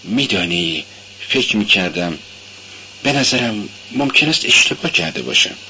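A man reading aloud and voicing an anxious, brooding young male student in a low, subdued, uneasy way. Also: lively intonation, muffled recording, noisy background, lightly acted.

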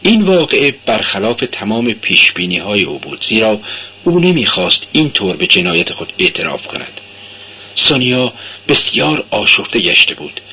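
A man giving a dramatic literary reading, measured and intense. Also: on the low side, big pitch swings, sharp tone, slightly rough, dull audio. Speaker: narrator.

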